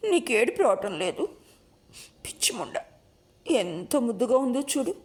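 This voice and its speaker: A woman voicing an idealistic, tender-hearted young college woman who speaks softly and pleadingly in a told story. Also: on the high side, big pitch swings, moderate pace, voice pushed up. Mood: tearful pleading. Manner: soft, pleading, emotional.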